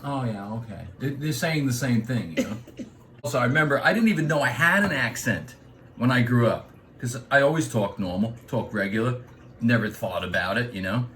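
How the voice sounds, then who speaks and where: A middle-aged New York man with a matching accent talks in a brisk, mid-range voice, running a casual comic monologue that hops from topic to topic. He's a vlogger, animated and digressive, slipping into voices now and then, with a slight hiss or hum on the recording.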